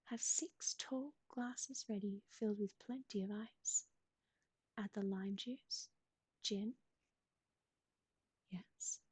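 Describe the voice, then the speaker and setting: Breathy woman whispering softly, close up. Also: medium pitch, slow, dry recording, low-quality recording. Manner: gentle asides to a pet. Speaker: ASMR streamer. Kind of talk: whispered ASMR recipe reading.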